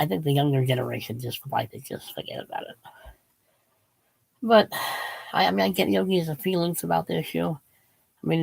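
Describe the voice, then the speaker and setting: A man's voice: fairly high pitch, gravelly, husky, no room sound, rough recording. A man who is losing his voice, talking casually and rambling about his books, restarting sentences and drifting off topic. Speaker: channel host. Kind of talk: casual rambling book talk.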